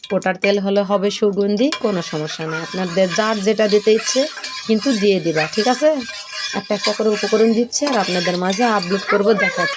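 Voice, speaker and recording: A talkative older woman records herself cooking in her home kitchen. Her voice sits at an ordinary middle pitch and she keeps checking that her viewers follow. A faint noise hums behind her, with small clicks from the kitchen. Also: fast talker. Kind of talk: casual cooking demonstration.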